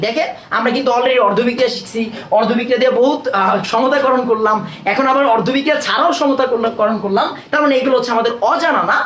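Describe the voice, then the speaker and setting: A young male chemistry teacher runs a live online class. He rattles along at a brisk clip, keeps checking in with questions to his students, and his voice sounds a little roomy. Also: extremely high pitch, a bit bright, slight background noise. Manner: quick, chatty, keeps prompting students with questions. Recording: roomy echo.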